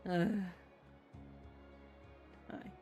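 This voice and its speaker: A man streams a game and talks casually with viewers, rambling and muttering distracted asides. His voice is a little mellow and extremely slow, with faint game music behind him.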